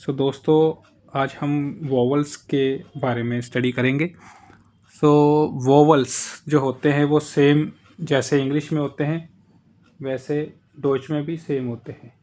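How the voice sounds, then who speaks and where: A man's voice: mid-range voice, little pitch movement, measured pace, darkish tone. A man with an Indian accent teaching a casual lesson, patiently explaining and repeating the example words. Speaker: German language teacher.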